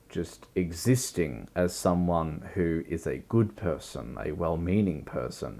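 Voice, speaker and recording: A male livestream host muses slowly through a philosophical chat that grows into long lists. His voice is croaky, low-sitting, and mellow.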